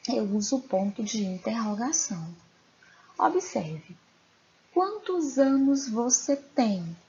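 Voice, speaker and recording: A woman teacher takes young pupils through a recorded lesson, her voice sitting a little high. She talks very slowly and clearly, stopping often to put questions to the children. The recording is dull and lo-fi, with a faint hiss behind her. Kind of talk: recorded online class lesson.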